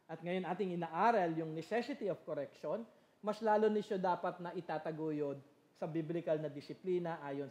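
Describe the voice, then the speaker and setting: A woman's voice: lowish voice, mellow, reverberant. A middle-aged woman giving a church parenting seminar, switching between Tagalog and English and reading scripture aloud in an earnest teaching style. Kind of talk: teaching sermon. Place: church meeting room.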